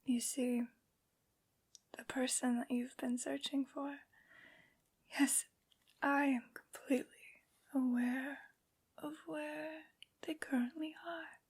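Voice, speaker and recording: Woman acting Lady Dimitrescu, slow whispering vampire villainess. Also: high voice, steady tone. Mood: haughty. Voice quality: breathy whisper. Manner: haughty, slow, taunting, drawn-out phrasing. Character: tall aristocratic evil vampire lady, vengeful, mockingly sweet. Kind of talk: ASMR villain roleplay, soft whispering.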